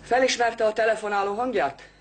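An actress dubbing a suspicious widow in a film, questioning others in a cold, accusing manner. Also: female voice, on the high side, steady tone, a little hiss or hum, natural voice. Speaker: dubbing actor. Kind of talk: dubbed film acting.

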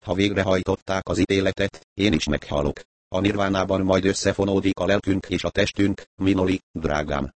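A deranged villain in an audiobook, read by a man, talks about death in a quiet, regretful, unhurried voice. The voice is very low. It is recorded close and dry. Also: fairly even intonation, dry recording, close to an everyday voice. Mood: calm remorse. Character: remorseful, deranged male villain, calm and fatalistic.

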